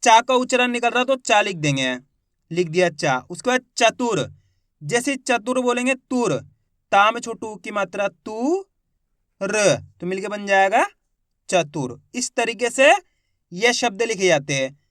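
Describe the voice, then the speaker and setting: A man's voice: high-pitched, expressive, normal speed, a bit bright, dry recording, studio quality. A man teaching beginners to read Hindi. He sounds out each word syllable by syllable, repeats it, and quizzes the learner in an encouraging way. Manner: encouraging, asks the learner questions. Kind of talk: spoken reading lesson for beginners.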